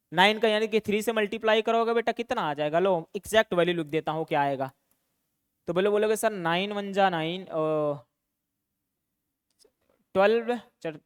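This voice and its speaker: A young man runs an online maths lesson for exam prep, talking fast and chatty, calling his students "beta" and "bhaiya" and answering his own questions. His voice sits high and smooth. The studio recording is clean, with no echo.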